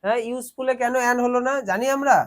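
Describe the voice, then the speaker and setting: A man's voice: extremely high pitch, quick pace. Questioning male teacher in class. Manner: questioning, explains step by step. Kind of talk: classroom grammar lesson.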